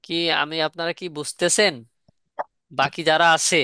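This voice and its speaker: A man's voice: fairly high pitch, fairly even intonation, normal speed, sharp tone, smooth, no room sound, clean studio sound. A man teaching Quran letter pronunciation in a live online class, repeating questions and asking students to respond.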